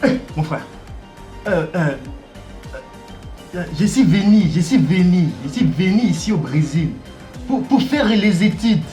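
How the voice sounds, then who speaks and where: A man's voice: sits high, lively intonation, unhurried, pauses often, mellow, roomy sound, faint music behind. A man voicing a boastful young male student abroad, rambling and stammering.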